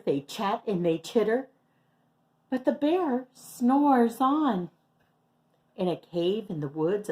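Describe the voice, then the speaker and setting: A woman reading a children's picture book aloud as storyteller, with slow, very expressive delivery. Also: a little high.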